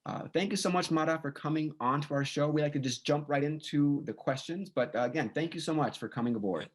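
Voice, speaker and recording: A man's voice: fairly high pitch, fairly quick. A man co-hosting a podcast, talking casually with many fillers and self-corrections as he introduces a guest. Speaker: podcast co-host.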